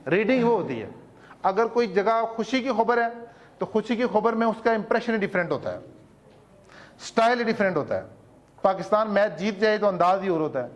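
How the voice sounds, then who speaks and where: A man's voice: high voice, dull audio. A man giving an explanatory talk to parents as a school principal, earnest and asking rhetorical questions, with English terms mixed into his speech.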